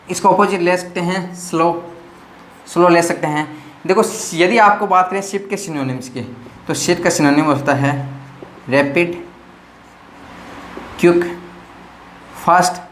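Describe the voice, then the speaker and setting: A man's voice: sits high, fairly bright tone. A man teaching an exam-prep grammar lesson, repeatedly asking and answering his own questions and calling his viewers friends. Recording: echoey room with faint noise.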